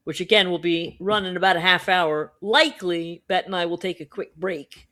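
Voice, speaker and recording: A woman co-hosting a podcast in casual chat, wry and quick to laugh, swearing offhandedly. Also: lowish voice, a bit bright. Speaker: podcast co-host.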